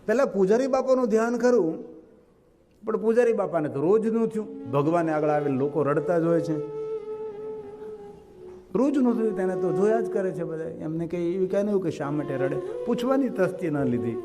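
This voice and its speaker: A man's voice: high voice, fairly quick, in a large hall, over music. A man with a Gujarati accent telling a devotional story as a religious storyteller, voicing the people in the tale as he goes. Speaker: kathakar storyteller.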